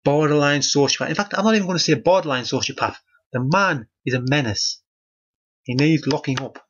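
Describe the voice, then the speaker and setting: A man's voice: fairly high pitch, a little fast, breathy edge, muffled recording. A man reading a children's book aloud, breaking off for sardonic, mock-outraged comic asides.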